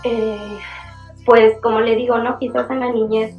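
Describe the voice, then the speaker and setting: A woman in her twenties, a young church leader, giving an emotional personal testimony in a halting way, with many fillers and restarts. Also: on the high side, flat delivery, highs cut off, soft background music. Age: 20s.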